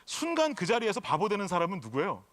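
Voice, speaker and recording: Lively middle-aged pastor from Seoul. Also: male voice, high-pitched, fast. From Seoul, South Korea. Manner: animated storytelling with rhetorical questions to the congregation. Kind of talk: sermon. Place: church sanctuary.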